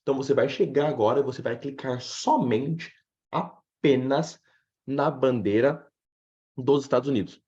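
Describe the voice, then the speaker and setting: A man's voice: mid-range voice, normal speed, slightly rough, highs cut off. A man with a Brazilian Portuguese accent, teaching an English lesson in a live online class and acting out his students' questions. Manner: animated, acts out student questions.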